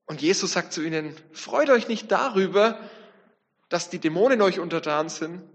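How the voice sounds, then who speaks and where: A man with a high voice gives a sermon, reflective in tone and turning often to his listeners with questions. His words ring out with a long reverb in a church hall. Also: lively intonation, moderate pace. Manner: reflective, speaks to the congregation directly. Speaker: preacher.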